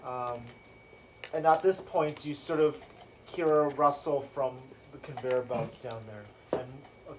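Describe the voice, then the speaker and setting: A man's voice: medium pitch, measured pace, a little hiss or hum. A man narrating a tabletop game as game master, hesitant and full of fillers. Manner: hesitant, many "sort of" fillers.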